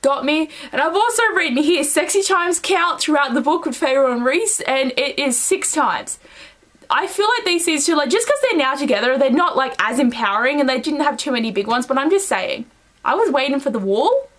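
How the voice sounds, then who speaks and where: Gushing young woman with a high voice. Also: lively intonation, normal speed, a bit bright. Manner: gushing, rambling, swears freely, acts out characters' lines. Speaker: book reviewer. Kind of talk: casual chat.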